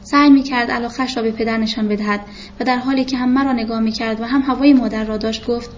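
A woman narrating a novel in a steady, even storytelling manner. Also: on the high side, highs cut off, slight background noise. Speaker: audiobook narrator.

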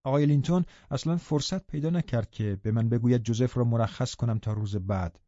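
A man narrating an audiobook in a steady storytelling manner. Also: mid-range voice, dry recording. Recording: dull, dry studio recording.

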